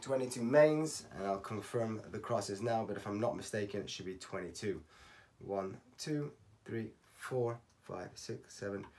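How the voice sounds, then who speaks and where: A man in his thirties, slightly hoarse from losing his voice, calmly talking through a how-to tutorial step by step and counting aloud. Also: on the low side, a little slow, hardly any pauses. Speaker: racket stringing instructor. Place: home workshop at night. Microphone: camera on a tripod.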